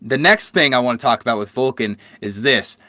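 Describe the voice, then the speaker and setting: A man's voice: mid-range voice, expressive, a little fast, sharp tone, no echo, studio quality. A man co-hosting a podcast, telling game lore in a profane, enthusiastic casual chat. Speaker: podcast co-host.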